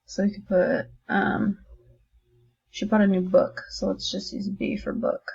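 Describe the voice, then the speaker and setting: Gravelly-voiced woman teaching math. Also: mid-range voice, level tone, measured pace, darkish tone, lo-fi sound. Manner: chatty, encouraging, thinks aloud while writing. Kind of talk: recorded distance-learning math lesson.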